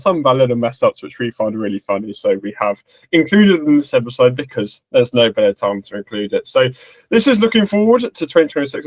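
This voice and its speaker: A man's voice: mid-range voice, no echo. A man co-hosting a motorsport podcast, talking casually and laughing at his own slips. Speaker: podcast co-host.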